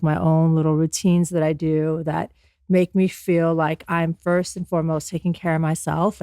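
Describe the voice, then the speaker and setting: A woman in her forties with a lowish voice, born in Afghanistan and raised in America. She speaks as a podcast guest in an earnest, motivational tone, pausing often on "um". The sound is dry and close, with no room echo. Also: warm tone. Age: 40s. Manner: earnest, motivational, with frequent ums. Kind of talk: reflective personal storytelling.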